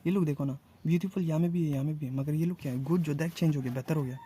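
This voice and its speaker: A man teaching a casual grammar lesson, asking and answering his own questions and repeating words slowly. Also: on the high side, warm tone, slight background noise.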